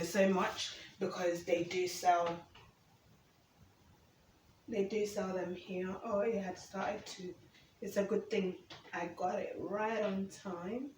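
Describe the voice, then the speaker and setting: This cooking vlogger, a Ugandan woman, has a mid-range voice and chats casually in her home kitchen as she preps food, frequently asking "okay?". Slight background noise is present. The sound is roomy, captured by a distant camera mic with faint ambience.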